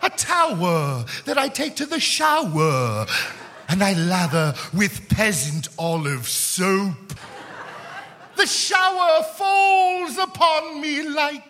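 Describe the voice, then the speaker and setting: A man's voice: sits high, sing-song, takes it slowly, sharp tone, slight background noise, heavily acted. An actor playing a vain, lovesick male poet on stage, declaiming florid verse in a grandiose, theatrical way. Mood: grandiloquent. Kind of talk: live stage comedy performance.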